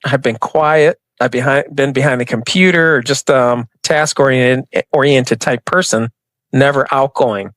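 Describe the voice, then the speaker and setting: A man's voice: medium pitch, measured pace, a bit bright, no room sound. A man hosting a podcast interview, talking in a chatty, upbeat and reflective way. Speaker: podcast host. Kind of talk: casual interview chat.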